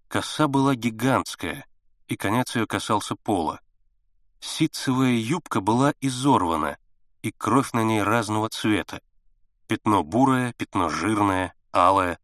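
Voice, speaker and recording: A man narrating a literary story in a measured, subdued manner. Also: no room sound. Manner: measured and subdued, sinking low on dark passages. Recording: dry close recording.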